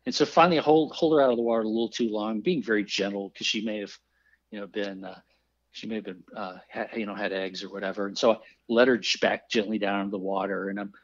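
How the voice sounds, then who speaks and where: A middle-aged man with a low-pitched voice spins an animated story, bursting into exclaimed voices for the people in it. The recording sounds dull and lo-fi. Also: fast talker. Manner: lively anecdotes with exclaimed quoted voices. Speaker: podcast guest, fly fisher.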